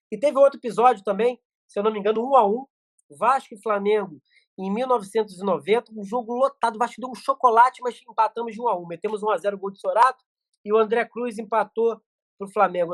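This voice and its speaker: A man's voice: high-pitched, dry recording, studio quality. A middle-aged man, a podcast guest telling stories in casual chat with many restarts. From Brazil. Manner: rapid storytelling with many restarts.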